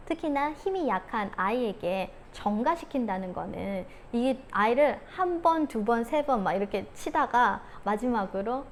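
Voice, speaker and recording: A woman giving a talk on parenting, who acts out scolding mothers in sharp outbursts. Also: a little high, a little hiss or hum. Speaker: parenting coach.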